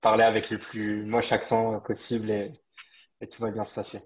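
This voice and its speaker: A man's voice: fairly low pitch, completely flat delivery, fairly quick. A man, a former student giving emphatic advice with many fillers over a video call. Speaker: alumnus guest. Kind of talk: video call panel discussion. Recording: dull lo-fi video call audio.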